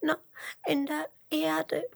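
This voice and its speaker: A tiny earthworm boy squeaks in a high, breathy little voice, as a woman reads him aloud. He is lost and weepy, a small creature in a gentle children's storybook. The sound is soft and a little husky. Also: steady tone, takes it slowly, heavily acted. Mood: sobbing. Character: small sobbing earthworm boy, shy then overjoyed.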